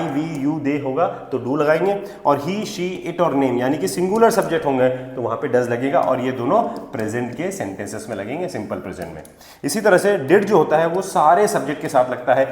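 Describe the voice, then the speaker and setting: A man teaching a grammar lesson, who asks rhetorical questions and answers them himself and leans hard on key words. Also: a little high. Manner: stresses key words for emphasis. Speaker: spoken English teacher. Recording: echoey room with long reverb.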